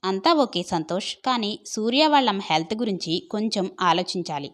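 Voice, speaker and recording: A woman voicing a careful young man who speaks in a measured, considerate way in an audio story. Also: mid-range voice, animated, lightly acted.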